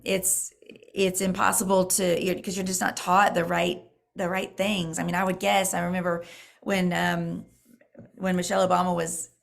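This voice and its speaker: Middle-aged woman, hoarse with heavy vocal fry, rambling casual Q&A host, self-correcting. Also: mid-range voice. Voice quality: hoarse, creaky. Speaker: diet program mentor and host. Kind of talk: casual live Q&A chat.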